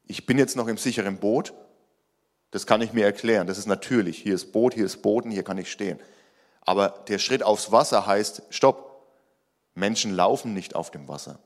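A man preaching a sermon. He is animated and raises his voice to act out quoted lines, then drops low and quiet for emphasis. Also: brisk. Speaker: pastor.

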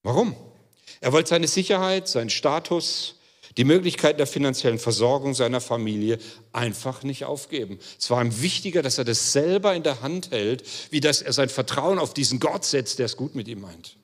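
A man's voice: mid-range voice, animated, moderate pace. A man preaching a sermon as pastor, speaking earnestly and emphatically straight to his listeners. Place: church hall. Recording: long church-hall reverb.

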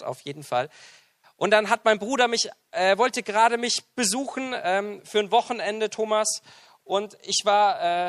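Brief: male preacher, fairly high voice, animated storyteller, from loud to quiet. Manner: animated storyteller, acts out dialogue; loud swings in volume. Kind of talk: sermon with a personal story.

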